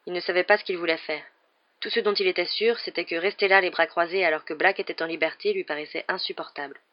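A woman narrating an audiobook in a measured storytelling manner. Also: fairly low pitch, steady tone, dry recording, dull audio. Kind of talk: scripted narration.

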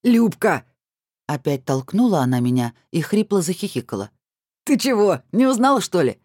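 A woman reading an audiobook puts on a hoarse, giggly young woman, brusque and pushy, always after money. The voice is dark and mellow and recorded close and dry. The demands come out short and sharp. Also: lowish voice, very animated, brisk, no room sound, pitched above the performer's own voice. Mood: brash.

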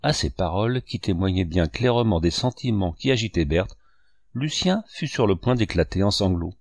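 A man narrating a novel aloud in a measured, expressive reading style. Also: deep voice, dry recording. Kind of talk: audiobook narration.

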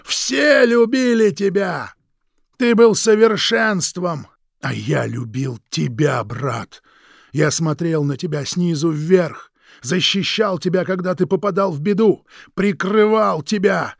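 A man voicing a bitter, furious older man who accuses his brother and yells hoarsely in an audiobook reading. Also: on the high side, big pitch swings, slow pace, no echo, clean studio sound, voice pushed up, full character voice. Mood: anguished, furious. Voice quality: hoarse yelling. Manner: shouting, sobbing, accusing.

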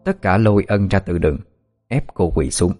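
A man with a low voice tells a dramatic story in steady, scripted narration. He, and faint music plays behind him. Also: moderate pace.

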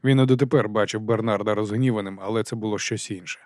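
An audiobook narrator with a lowish male voice reads a scripted book in an even, measured storytelling style. The recording is dry and of studio quality.

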